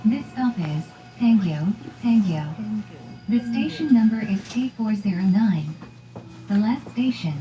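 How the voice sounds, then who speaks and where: A woman's recorded in-train announcement naming the final stop over the carriage loudspeaker, slow and polite. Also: animated, distant mic. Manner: slow, polite, formal delivery. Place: inside a subway train. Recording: echoey loudspeaker in a noisy train car. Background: loud rumbling train noise.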